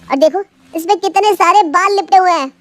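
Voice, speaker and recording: A woman voicing a touchy young brother-in-law who complains loudly and quickly loses his temper. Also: extremely high pitch, no room sound, pitched above the performer's own voice. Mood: angry.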